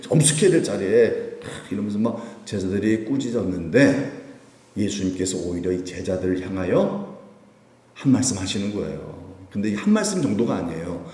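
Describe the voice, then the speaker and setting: Male pastor, mellow voice, lively sermon delivery, echoey sanctuary. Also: on the low side. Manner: animated, acts out the disciples' scolding in raised voice. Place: church sanctuary. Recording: echoey church hall.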